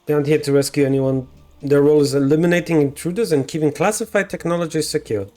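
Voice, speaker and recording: A man's voice: a little high, quick pace, warm tone, soft background music. A man streaming a game live, casually chatting, swearing and reading the lines aloud in translation.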